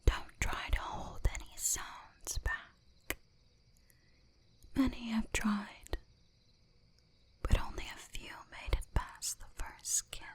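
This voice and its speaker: Tender and coaxing, a woman whispers and breathes her way through an intimate ASMR roleplay as an ancient, possessive kitsune shrine spirit who is gently dominant, soothing yet commanding. Her voice sits on the high side with fairly even intonation, a slow pace and frequent pauses.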